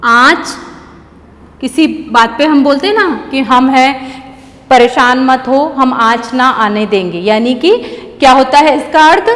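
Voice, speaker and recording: High-voiced woman teaching a grammar class. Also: a bit bright, long reverb tail. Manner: patient, repeats key words slowly. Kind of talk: grammar lesson for children.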